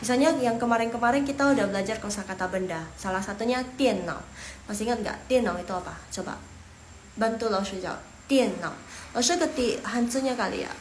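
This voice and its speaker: Indonesian woman, casual online language teacher, chatty, drills pronunciation; roomy echo, faint noise. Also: a little high. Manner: chatty, repeats words slowly for pronunciation. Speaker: Mandarin teacher.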